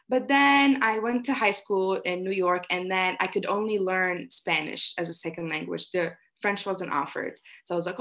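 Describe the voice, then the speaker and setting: A woman's voice: medium pitch, fairly bright tone. A woman in her twenties from Egypt, a guest on a video-call interview, talking casually with lots of fillers. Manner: chatty, many fillers like "like". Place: small room indoors.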